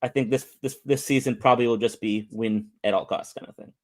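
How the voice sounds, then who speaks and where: A man's voice: medium pitch, fairly even intonation, a little fast, darkish tone. A man with an American accent chatting casually as an interview guest, often repeating words as he thinks. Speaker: podcast guest, soccer fan.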